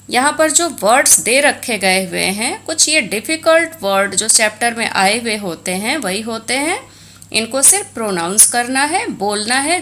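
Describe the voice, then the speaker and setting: A woman's voice: on the high side, fairly bright tone, a little hiss or hum. A woman with an Indian accent teaching a textbook lesson, explaining in Hindi mixed with English and reading Sanskrit aloud.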